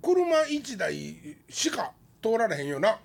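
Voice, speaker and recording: A man's voice: very high-pitched, unhurried, gravelly. A middle-aged man with a Kansai accent telling a casual anecdote as a talk show host, peppering it with vivid sound words. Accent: Kansai Japanese. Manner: animated, uses many sound-effect words.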